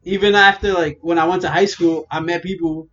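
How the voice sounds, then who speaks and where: A man, hosting a casual chat, slangy and quick to laugh, often restarting his sentences. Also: high-pitched, fairly even intonation, fairly bright tone, highs cut off, soft background music. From Brooklyn, New York. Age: 20s. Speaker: podcast host.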